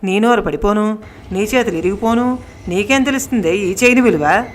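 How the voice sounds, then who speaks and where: A woman voicing a frantic, sharp-tongued middle-aged wife who scolds and wails loudly in a storybook tale. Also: brisk, slight background noise, natural voice. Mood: scolding. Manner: loud, shrill scolding and wailing.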